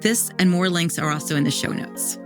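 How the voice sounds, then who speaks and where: Woman podcast host, pretty low voice, upbeat, soft music behind. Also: fairly quick. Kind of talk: podcast interview and outro.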